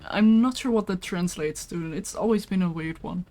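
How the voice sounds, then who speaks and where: A woman's voice: fairly low pitch, moderate pace, mellow. A woman chatting casually with a co-player while streaming a video game, rambling about food and snacking between sentences. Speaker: livestreamer. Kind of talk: casual chat while gaming.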